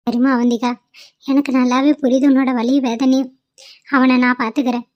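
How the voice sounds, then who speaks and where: A woman's voice: sits high, level tone, fairly quick, dry recording, natural voice. A woman voicing a caring, consoling middle-aged mother-in-law in a cartoon, on a dull lo-fi recording. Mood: soothing. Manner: soothing, consoling.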